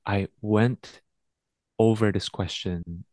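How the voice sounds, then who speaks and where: A man as a podcast guest, speaking in a reflective, measured, thoughtful way. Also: on the low side, fairly even intonation, a little mellow, no room sound. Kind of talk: casual conversation.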